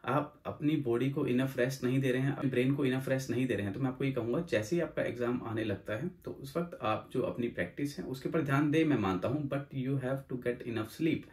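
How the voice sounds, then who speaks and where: A young man rattles through his advice at a brisk clip, his voice sitting at an ordinary middle pitch. He hosts his own channel as an exam coach, speaking casually, circling back over his points and dropping English phrases into his talk. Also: a little mellow. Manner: rapid, repetitive, mixes English phrases into Hindi. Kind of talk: casual explanatory video talk.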